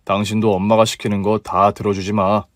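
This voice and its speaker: A man voicing a calm, firm young husband in a dramatized story, pitched lower than his own voice. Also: a little fast, dry recording, clean studio sound, natural voice.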